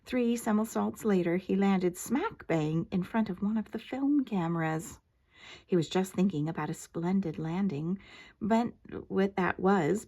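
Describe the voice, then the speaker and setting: Casting: older female storyteller, grandma manner, lowish pitch, expressive read-aloud of a children's book. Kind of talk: animated storybook narration.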